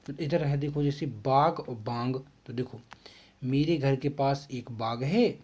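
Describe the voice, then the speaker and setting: Husky-voiced man teaching a lesson. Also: mid-range voice, takes it slowly, a little mellow. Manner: explains step by step, repeats answers. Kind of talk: casual exam-prep lesson. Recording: dull lo-fi recording.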